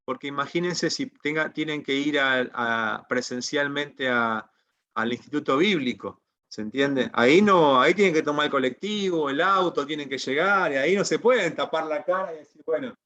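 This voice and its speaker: A man lectures his Bible class over a video call, his voice sitting a little high for a man. He talks like a preacher and keeps checking that his students agree. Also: sharp tone. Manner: preacherly, asks the class for assent. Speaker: Bible institute teacher.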